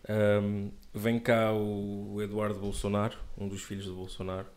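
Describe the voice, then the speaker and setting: A man's voice: on the low side, completely flat delivery, a little slow, darkish tone. A man co-hosting a casual political chat, delivering wry, sarcastic asides. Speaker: podcast co-host.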